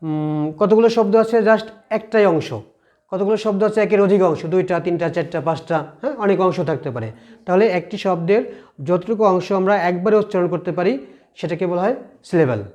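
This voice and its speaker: A male teacher takes his students through an English lesson, asking questions and then repeating the answers himself. His voice sits high. He explains each point step by step and goes over it again. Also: moderate pace, darkish tone. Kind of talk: classroom lesson.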